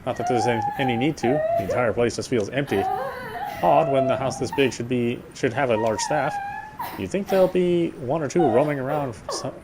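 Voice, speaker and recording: A man with a medium-pitched, animated, brisk voice hosts a playthrough of a horror visual novel, reading it aloud dramatically. His tone is brooding and he occasionally stumbles over words, with background noise clearly audible.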